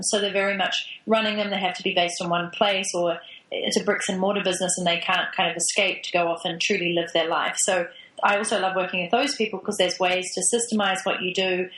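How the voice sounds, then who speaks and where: A woman's voice: mid-range voice, a bit bright. A woman with a slightly internationalized New Zealand accent, talking conversationally as an interview guest. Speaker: podcast guest, online business owner. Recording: roomy, echoing sound.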